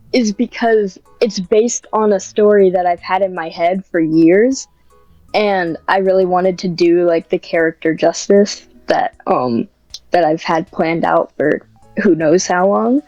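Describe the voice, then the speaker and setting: A woman, a script writer appearing as a podcast guest, chats casually in an interview, sounding modest, informal and a bit hesitant. Her voice is lowish and darkish, steady in tone and unhurried. The audio is dull with no room sound, and soft music plays in the background.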